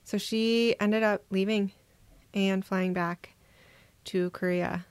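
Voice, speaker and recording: A woman from Minnesota, a guest on an interview podcast, telling her personal story in a reflective, soft-spoken way. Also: mid-range voice, steady tone, takes it slowly, clear, resonant tone, no echo. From Minnesota, USA. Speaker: guest adoptee.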